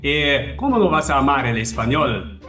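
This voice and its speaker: A man's voice: mid-range voice, very animated, brisk, bright, forceful tone. A man from Germany who runs a video game company, chatting playfully on a video call, laughing and restarting his sentences. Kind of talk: casual video-chat conversation. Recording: distant video-chat audio with music.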